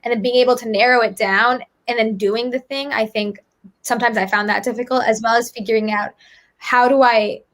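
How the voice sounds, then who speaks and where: A woman's voice: on the high side, steady tone, a little fast, fairly bright tone. Young woman musing with many fillers. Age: young adult. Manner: reflective, many fillers like "like" and "I think". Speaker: guest, student author and app maker. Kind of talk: casual interview answer.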